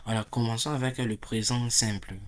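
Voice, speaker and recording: A man teaching an English grammar lesson in French, repeating drill phrases slowly and loudly, with many fillers and restarts. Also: mid-range voice, flat delivery.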